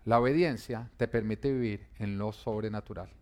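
A man's voice: lowish voice, moderate pace. A man pastor preaching a sermon, repeating key lines and pushing emphasis up on important phrases.

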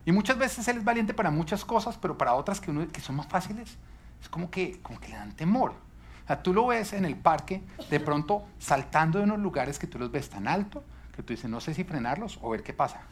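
A man's voice: sits high, very animated, fairly quick, breathy edge. A male pastor preaching a sermon, emphatic and full of rhetorical questions.

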